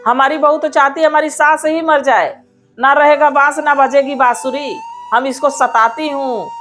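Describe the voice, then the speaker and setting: A woman voicing a shrill, grasping elderly mother-in-law in a devotional story, complaining and wailing in a raised voice. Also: steady tone, moderate pace, a bit bright, faint music behind. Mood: shrieking.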